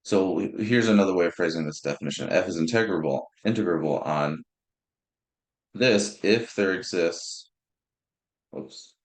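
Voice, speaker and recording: Man, young, math lecturer, informal, self-correcting, low-pitched, echoey room. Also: unhurried. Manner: informal, restarts words, thinks aloud with fillers. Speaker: math instructor. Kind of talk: recorded lecture. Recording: roomy echo.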